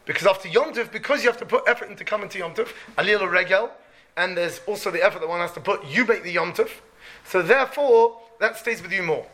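A man's voice: sits high, quick pace, sharp tone. A man giving a religious lecture like a rabbi, emphatic, repeating key phrases and posing rhetorical questions. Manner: emphatic, repeats key phrases, peppers speech with Hebrew and Yiddish terms.

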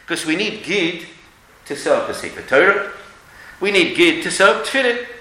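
A man's voice: sits high, very animated, moderate pace, sharp tone. A man giving an emphatic religious lecture with stories and rhetorical questions, sprinkling in Hebrew and Yiddish terms. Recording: echoey room with background noise.

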